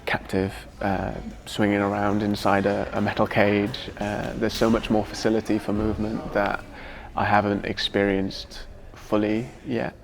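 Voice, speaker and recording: A young man talks in a documentary interview in a low, fairly flat voice. He is thoughtful and hesitant and fills his pauses with uhs. A crowd can be heard clearly behind him. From Wales. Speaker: dancer.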